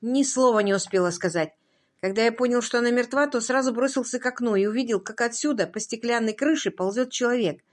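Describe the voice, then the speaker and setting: A woman's voice: a little high, quick pace, voice pushed up, natural voice. A woman voicing a frantic, grief-stricken husband who cries out his pleas in an audiobook reading. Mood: shaken. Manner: shrieking, sobbing pleas. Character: frantic grieving tall husband, hysterical.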